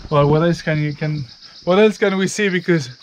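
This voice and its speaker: A man with a slightly high voice chats informally as a travel vlogger. He comments casually on his surroundings in the open air. Light ambient noise sits behind his voice. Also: moderate pace, rough recording. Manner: informal, chatty, occasional swearing. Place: outdoors on forest walking paths.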